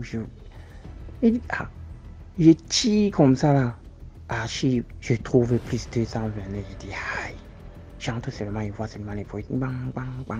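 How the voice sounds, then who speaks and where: A man with a Cameroonian French accent telling a first-person story casually, halting with many restarts and fillers. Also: mid-range voice, dark tone. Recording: dull lo-fi audio with faint noise.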